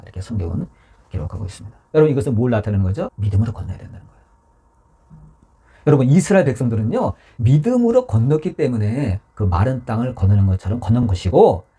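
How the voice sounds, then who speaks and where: In a church sermon, a pastor with a very husky, mellow voice preaches animatedly, swinging his pitch widely to act out voices from scripture. Now and then he drops to a whisper for emphasis.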